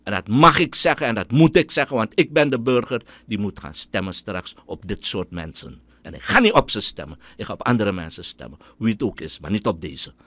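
Surinamese Dutch man, middle-aged, ranting radio commentary, pitch swinging wildly, dry close sound. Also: expressive, fairly quick, hardly any pauses, a bit bright, no room sound. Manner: indignant, ranting, scornful. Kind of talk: opinionated radio monologue.

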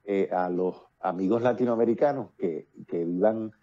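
A Puerto Rican man in his fifties, a playwright and actor, talks at length as a guest in a casual video-call interview, full of fillers and restarts. His lowish voice has a dark tone and a moderate pace, with a Puerto Rican Spanish accent. The sound is lo-fi, picked up by earphones with a built-in mic.

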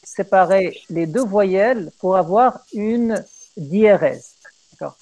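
Un homme, professeur, donne un cours de poésie française en visioconférence, patient et guidant ses élèves. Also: male voice, high voice, animated, slow pace, a little mellow. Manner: patient, guiding, repeats praise. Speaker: teacher. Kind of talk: online French poetry lesson.

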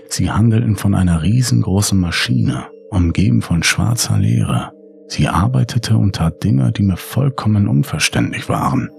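A man narrating a horror story in a measured, somber way as a scripted audiobook reading. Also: fairly low pitch, vocal fry, a little mellow.

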